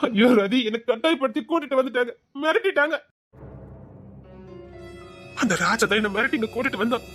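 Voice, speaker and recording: A woman's voice: a little high, animated, a little fast, a bit bright, soft background music. A woman voicing a desperate young man in love who pleads and threatens in an audio drama. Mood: pleading. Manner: pleading, repeats her name, emotional threats. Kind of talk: Tamil audio drama acting.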